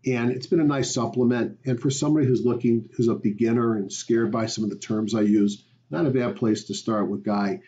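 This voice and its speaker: A man's voice: medium pitch, steady tone, brisk, few pauses, dark tone, lo-fi sound, slight background noise. A man, a stock market educator, hosting a weekly market review, talking conversationally and rambling with fillers.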